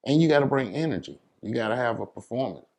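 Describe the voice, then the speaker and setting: Speaking fast and with plenty of energy, this New York City DJ has a gravelly, darkish mid-range voice. He's being interviewed casually and gives forceful advice in informal slang.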